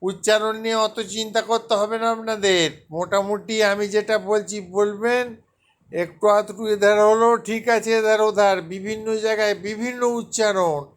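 A man teaching a language lesson, repeating each word slowly and deliberately for learners. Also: high-pitched, fairly even intonation. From West Bengal. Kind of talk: slow spoken language lesson.

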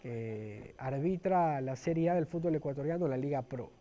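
A man's voice: a little high, normal speed, dark tone. A man with an Ecuadorian accent giving live football commentary as a match commentator.

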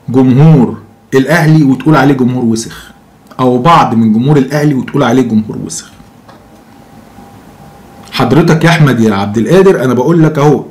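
A man in his thirties with an Egyptian accent, giving opinionated football commentary to camera in a sarcastic, mocking way with rhetorical questions. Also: mid-range voice. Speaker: football fan commentator and host.

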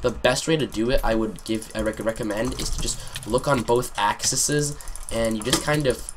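Teen male gamer, rambling sarcastic storyteller with excited outbursts, typing faintly heard. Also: mid-range voice, moderate pace, slight background noise. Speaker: gaming commentator. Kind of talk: storytime commentary over gameplay. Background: keyboard clicks and typing.

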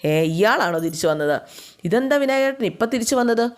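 A woman's voice: on the high side, lively intonation, moderate pace, natural voice. A woman voicing a gossipy woman chattering about the neighbours.

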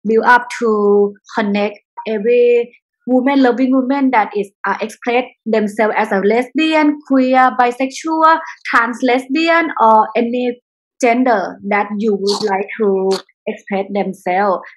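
A woman, a podcast guest answering questions in a halting way with frequent pauses. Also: a little high, rough recording. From Thailand. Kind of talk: casual interview answers.

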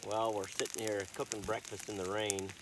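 Narrating his family's camping trip from a forested mountain, a man records a casual handheld vlog, frequently exclaiming in amazement. He speaks briskly in a lowish voice with little pitch movement, against a noisy background.

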